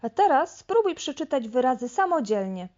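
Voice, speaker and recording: A woman speech therapist leading a reading lesson, sounding out syllables slowly and deliberately with careful articulation. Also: high-pitched, sing-song, darkish tone, muffled recording.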